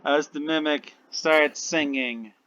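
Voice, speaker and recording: Brief: expressive male game master, bright, slow, lo-fi recording. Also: fairly high pitch. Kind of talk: narrating a tabletop game.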